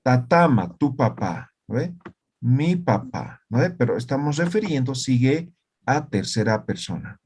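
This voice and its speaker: Slow-talking man teaching. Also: medium pitch, sing-song, a little mellow, breathy edge. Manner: explains slowly, tagging lines with "¿no ve?" and "¿ya?". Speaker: language teacher. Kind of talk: online class lesson.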